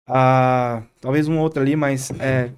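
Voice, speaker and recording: A man, a pastor with a Brazilian accent, earnestly retelling a moving experience as a podcast guest, with halting restarts. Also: medium pitch, steady tone, clean tone. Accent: Brazilian Portuguese. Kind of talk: podcast interview storytelling.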